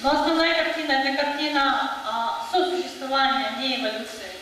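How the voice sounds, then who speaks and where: Female consecutive interpreter for a lecture. High-pitched voice, live hall recording with clear noise. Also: fairly even intonation, fairly quick, fairly bright tone. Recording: echoey hall, distant mic, noisy.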